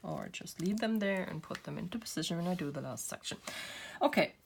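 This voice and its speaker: A woman's voice: fairly low pitch, animated, brisk, gravelly, a little hiss or hum. A woman who hosts a craft channel, chatting casually while she works and rambling with self-deprecating laughs. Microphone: built-in camera mic.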